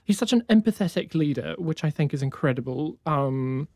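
Guesting on an interview, this young New Zealand music student studies conducting and grew up speaking Afrikaans. She answers eagerly in a mellow, expressive mid-range voice, stumbling along with plenty of fillers. The sound is clean studio audio without echo.

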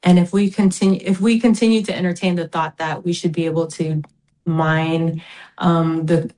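A woman's voice: on the low side, a little mellow, poor audio. Earnest woman from American Samoa. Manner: earnest, measured, speaks with pride of her home. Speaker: interview guest, community advocate. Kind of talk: interview answers.

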